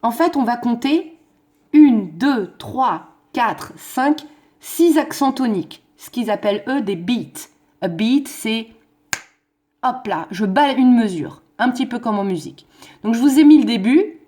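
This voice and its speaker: A woman's voice: on the high side, lively intonation, warm tone. Woman teacher explaining English verse. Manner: explains slowly, switching between French and English; counts stresses and beats aloud. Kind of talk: recorded online lesson.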